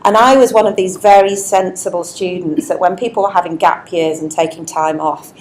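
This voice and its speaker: A woman's voice: lowish voice, fairly even intonation, a little fast, a little mellow, a little hiss or hum, low-quality recording. A woman from Leeds, a chief executive telling her career story in a chatty, self-deprecating way at an on-stage interview, speaking into a wireless mic. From Leeds, England. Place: indoor networking event. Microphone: wireless microphone.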